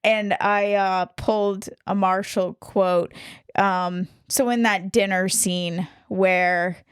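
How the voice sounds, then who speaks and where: A woman's voice: medium pitch, steady tone, slow pace, smooth, no echo, studio quality. A woman co-hosting a casual film discussion podcast, explaining ideas in a sarcastic, laughing way. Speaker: podcast co-host.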